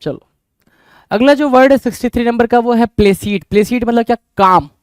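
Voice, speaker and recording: High-voiced man teaching vocabulary, dry close sound. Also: a little fast, clean tone, no echo. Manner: repeats each question back to students, calls them "bhai". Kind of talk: exam-prep vocabulary lesson.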